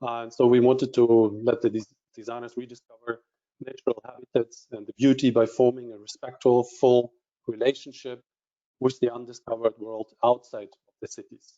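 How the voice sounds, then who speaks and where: A man's voice: medium pitch, level tone, moderate pace, warm tone. A man presenting an award over a video call, his audio breaking up, speaking hesitantly with many fillers and restarts. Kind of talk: live announcement. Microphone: computer mic on a video call. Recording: dull, lo-fi conference call line.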